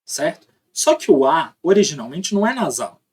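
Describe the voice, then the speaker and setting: A man's voice: fairly high pitch, big pitch swings, moderate pace, a little mellow, breathy edge. A man with a Brazilian Portuguese accent teaching a recorded phonology lesson, explaining step by step, sounding out examples aloud and checking in with tag questions. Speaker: linguistics teacher.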